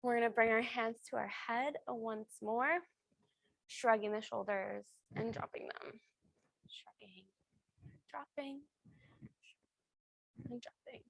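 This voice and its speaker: A woman's voice: a little high, flat delivery, measured pace, vocal fry, fairly bright tone, dry recording, low-quality recording. A woman cueing exercises as an aerobics instructor, giving short, encouraging instructions and counts. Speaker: fitness instructor leading a beginner strength and flexibility class.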